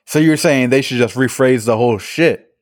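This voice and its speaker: A man's voice: medium pitch, moderate pace, dry recording, clean studio sound. A man chatting casually on a podcast, laid-back, asking questions and teasing. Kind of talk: casual chat.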